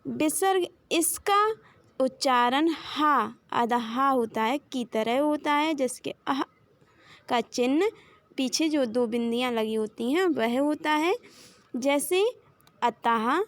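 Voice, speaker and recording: High-voiced woman teaching children Hindi letters. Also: dry recording. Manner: slow, drawn-out sounding of letters and example words; addresses the children directly, points to a chart. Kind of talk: children's Hindi grammar lesson.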